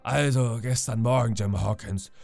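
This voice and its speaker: A man reading an audiobook, voicing a sly, smooth-talking old pirate captain who coaxes with false friendliness. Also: mid-range voice, measured pace, darkish tone, soft background music. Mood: storytelling. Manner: wheedling, falsely friendly with sudden threats.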